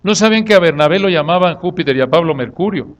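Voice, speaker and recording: An animated pastor preaching an expository sermon in a fairly high voice for a man. He asks his congregation questions and answers them himself. He moves between loud, emphatic lines and quiet asides. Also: fast, highs cut off.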